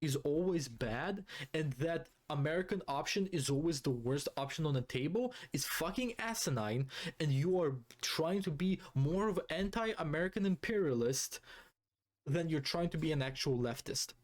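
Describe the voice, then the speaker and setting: A man's voice: a little high, expressive, normal speed. A man streaming a casual, opinionated commentary rant, swearing often and repeating phrases for emphasis. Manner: foul-mouthed, emphatic, repeats phrases for stress.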